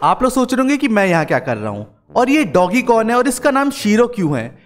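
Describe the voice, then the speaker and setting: A man hosting a casual game role-play, talking excitedly with lots of exclamations and fillers. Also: high voice, a little fast. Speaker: gaming channel host.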